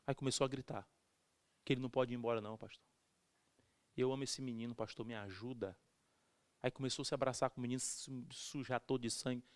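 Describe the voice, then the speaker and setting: A man's voice: medium pitch, dry recording. A male pastor preaching a sermon, telling a story with humor and acting out quoted voices. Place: church.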